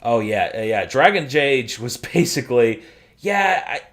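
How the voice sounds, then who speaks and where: A man co-hosting a casual gaming podcast, excitable, swearing freely and laughing often. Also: medium pitch, a little slow. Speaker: podcast co-host.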